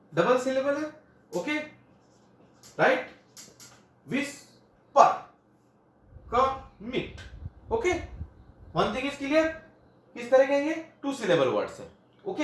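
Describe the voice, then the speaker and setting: A man's voice: very high voice, reverberant. A male teacher explaining grammar at a classroom board. He repeats each point, asks questions and answers them himself, and mixes Hindi with phrases.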